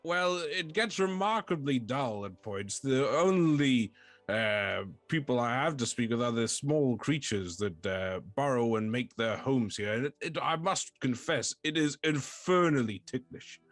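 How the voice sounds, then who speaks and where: A man's voice: mid-range voice, expressive, unhurried, fairly bright tone, dry recording, faint music behind. A man voicing a shy, lonely talking fort that speaks in a politely formal, old-fashioned way. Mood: wistful.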